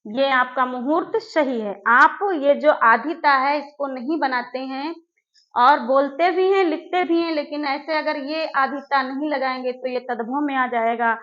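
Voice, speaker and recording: A woman teaching an exam-prep spelling lesson, who asks her class questions and then answers them herself, repeating each word slowly. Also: sits high, fairly bright tone, dull audio. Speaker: Hindi teacher.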